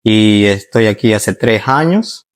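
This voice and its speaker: A man in his thirties from Ecuador talks through his answers as an interview guest. His voice sits a little low, and he keeps a calm, measured pace, often tagging his sentences with a questioning "¿no?". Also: clear, resonant tone. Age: 30s. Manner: calm, measured, frequent "¿no?" tags.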